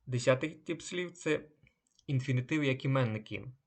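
A man teaching a language lesson, drawing out each German example word before giving its meaning. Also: medium pitch. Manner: slow, drawn-out German example words. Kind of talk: unhurried lesson.

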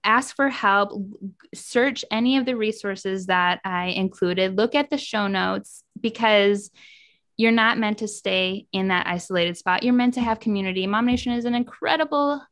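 A woman's voice: medium pitch, normal speed, a bit bright. Woman, podcast guest, earnest, heartfelt, casual chat.

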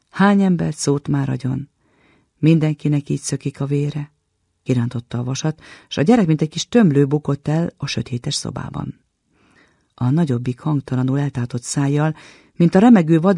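A man with a gravelly, husky voice, pitched a little high for a man, gives a measured, dramatic reading of a short story. His tone is dark and mellow, and the recording is close and dry. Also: no room sound. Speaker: literature program presenter reading a short story.

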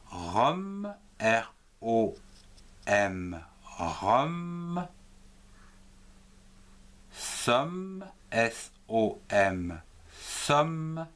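A man teaching a slow reading lesson for early readers. He spells letters one at a time in a sing-song voice, rising on each letter and falling as he blends the syllable. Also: mid-range voice, big pitch swings, fairly bright tone.

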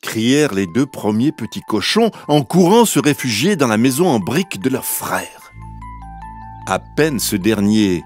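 A man narrating a children's storybook in an expressive, deliberate way, with music underneath. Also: on the low side.

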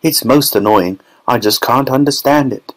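A man's voice: mid-range voice, moderate pace, a bit bright, natural voice. A man reading a storybook aloud, voicing a fussy, eccentric male candy maker with a fretful way of talking. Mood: matter-of-fact. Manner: fretful, pleading.

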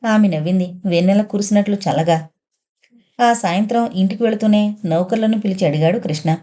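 A woman narrating a romantic novel in an even, measured storytelling voice. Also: mid-range voice. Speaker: audiobook narrator.

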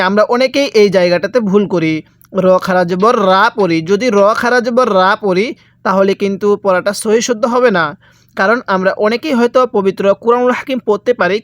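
A man from Bangladesh teaching Quran reading, spelling out each letter and vowel mark, then drawling the word slowly and asking the viewer to repeat after him. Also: high-pitched, no echo, clean studio sound. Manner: patient, repetitive call-and-response teaching. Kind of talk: step-by-step recitation lesson.

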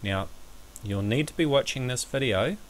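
A man giving a measured, somewhat hesitant step-by-step explanatory commentary over a screen recording, as an amateur astronomy presenter. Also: medium pitch, a little hiss or hum, rough recording.

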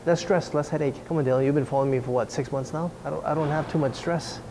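This man in his forties talks fast, with a fairly high pitch, fairly even intonation and a dark tone, fielding business questions in a blunt, conversational Q&A and frequently starting sentences over. The low-quality camera recording comes from an indoor mall or coffee-shop atrium, carrying slight background noise and music beneath his speech.

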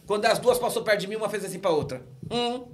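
A man with a Brazilian Portuguese accent and a high voice tells his testimony as a pastor would. He performs the story and slips into the voices of the people he met. It has the pull of a sermon, set in a relaxed podcast studio. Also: rapid-fire.

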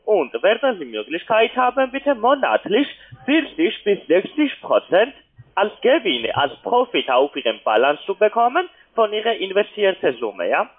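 A non-native German speaker working as a call centre agent makes a polite, faltering sales pitch, his sing-song voice moving at normal speed. He repeatedly ends sentences with small questions, and the telephone audio is muffled and narrow.

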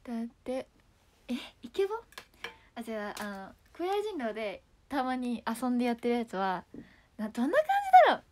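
A woman's voice: on the high side, big pitch swings, fairly quick, slight background noise. A young woman idol chatting casually on a livestream, giggling often as she reacts to comments. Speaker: idol streamer.

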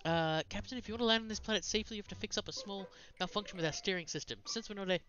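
A woman voicing a gentle, helpful female ship's care robot in a game, calm and polite as she reports scans and warns of danger. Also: medium pitch, racing, lo-fi sound, faint music behind, lightly acted. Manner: polite, calm, reassuring announcements. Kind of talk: game voice-over.

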